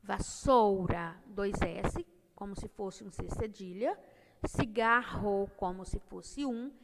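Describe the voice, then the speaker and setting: A woman teacher slowly explaining a grammar lesson to children, reading out example words one at a time. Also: mid-range voice, creaky. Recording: long reverb, faint noise.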